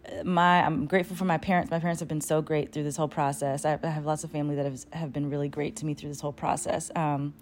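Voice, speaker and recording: A woman's voice: low-pitched, little pitch movement, fast, slight background noise. A woman chatting casually and candidly to her followers in a rambling, slangy way with plenty of swearing. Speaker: solo vlogger and podcaster.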